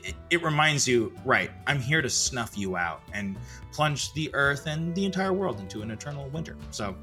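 A man playing a chatty, wistful evil necromancer who co-hosts a comedy podcast and speaks in a halting, casual way. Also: medium pitch, expressive, pushed and bright, faint music behind. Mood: wistful menace. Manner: halting, casual delivery of villainous lines. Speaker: podcast co-host. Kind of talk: improvised in-character comedy chat.

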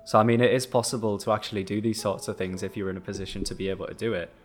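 A man's voice: on the low side, fairly even intonation, very fast. A young man co-hosting a casual chat, talking in a reflective, rambling way. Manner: reflective, rambling, laughs easily. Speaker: podcast co-host.

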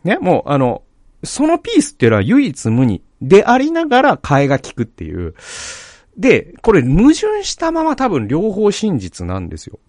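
A man with a high-sitting voice and huge pitch swings talks at a normal pace, his tone a little mellow, in a dry, studio-quality recording. As a podcast host, he tells a rambling personal story packed with fillers before turning to reflection on the Bible in this casual monologue.

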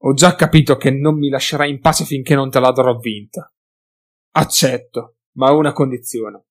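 A man reading an audiobook, voicing a gruff, hot-tempered male dwarf warrior who growls and talks bluntly and loudly. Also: medium pitch, steady tone, normal speed, lightly acted.

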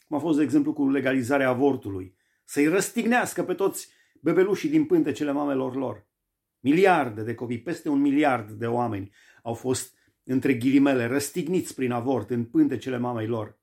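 Gravelly male preacher. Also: medium pitch, darkish tone. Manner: emphatic, repeating phrases for stress. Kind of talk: sermon.

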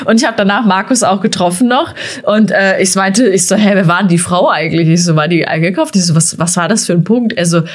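A woman's voice: medium pitch, fast. A woman co-hosting a casual podcast, telling stories from her comedy shows with lots of quoted dialogue and fillers. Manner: animated retelling with quoted dialogue, many fillers. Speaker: podcast co-host, stand-up comedian. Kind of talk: casual podcast chat, storytelling.

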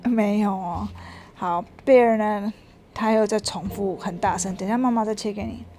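A mother reading a picture book aloud to her child, lively and stopping to ask questions. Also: medium pitch, moderate pace, soft background music.

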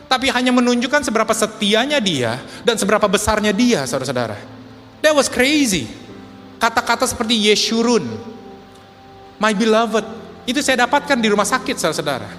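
Animated male pastor in a reverberant hall. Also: high-pitched, fast talker. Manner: mixes in English phrases, addresses the congregation often; animated storytelling, swings from loud to soft. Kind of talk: sermon. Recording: hall with long reverb and faint music.

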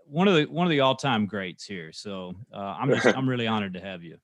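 A man's voice: on the low side, lively intonation, fairly quick, no echo. A man hosting an interview podcast, friendly and talking with frequent fillers. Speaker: podcast host.

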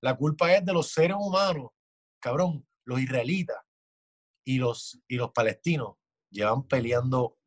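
A man's voice: medium pitch, unhurried. A man in casual chat, arguing passionately, swearing often and acting out quoted voices.

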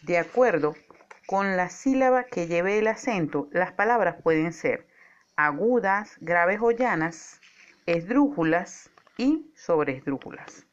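A woman teacher giving a scripted spoken lesson, with a clear, measured delivery that slows down to stress key words. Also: lowish voice, lively intonation, muffled recording.

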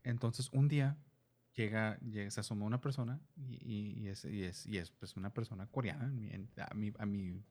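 A man's voice: on the low side, moderate pace. A man chatting casually, telling stories with lots of fillers and acting out the voices of the people he quotes. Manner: animated storyteller, acts out quoted voices; many fillers and repeated words. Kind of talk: casual conversation about a series.

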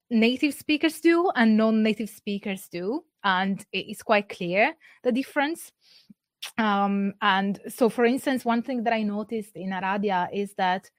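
A woman whose first language is Italian presents an academic lecture, working carefully through scholarly sources at a measured pace. Her voice is in a middling range, neither high nor low. The recording is dry, with no room sound at all.

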